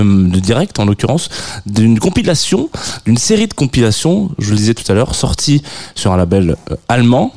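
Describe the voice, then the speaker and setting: A man with a lowish, slightly mellow voice hosts a live music radio show, rambling casually with plenty of hesitations and restarts. His humor is self-mocking, and he chuckles at his own jokes.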